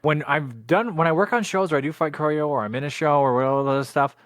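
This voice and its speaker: A man co-hosting a podcast, telling stories in an animated, explaining way. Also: a little high, quick pace, no room sound, clean studio sound. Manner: animated storyteller, explains and asks. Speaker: podcast co-host. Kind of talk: casual chat.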